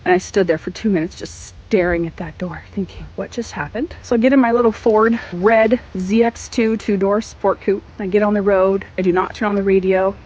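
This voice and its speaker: A woman from Missouri telling a personal faith testimony in an emphatic, conversational way with dramatic pauses. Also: mid-range voice, steady tone, a little mellow, highs cut off. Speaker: storyteller sharing a faith testimony.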